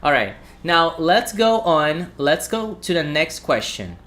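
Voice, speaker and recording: A man's voice: fairly high pitch, big pitch swings, slow pace, a bit bright, a little hiss or hum. A man from Brazil with a Brazilian accent, a native Portuguese speaker teaching an English lesson on a livestream, repeating phrases for students to echo.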